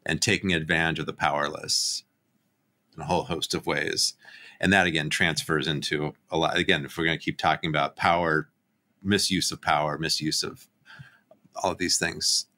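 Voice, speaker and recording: A man with a low voice talks over a webcam in a casual discussion of a Bible text. His tone is bright and forward, and he lays out his point steadily, one step at a time. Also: fairly even intonation, moderate pace. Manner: explanatory, building a point steadily. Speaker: podcast co-host, biblical studies professor. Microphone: webcam on a video call.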